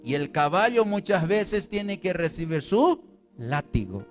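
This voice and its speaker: A male pastor preaching a fervent sermon, breaking into shouts and calling on the congregation to repeat words after him. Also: high-pitched, big pitch swings, a little slow, faint music behind.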